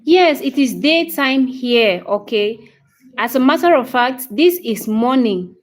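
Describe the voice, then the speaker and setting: Slow-talking Cameroonian woman in her thirties. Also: sits high, animated. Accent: Cameroonian English. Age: 30s. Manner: greets viewers by name and answers their comments one by one; repeats phrases, checks in with "okay?". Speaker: English teacher hosting a livestream. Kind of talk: casual livestream chat.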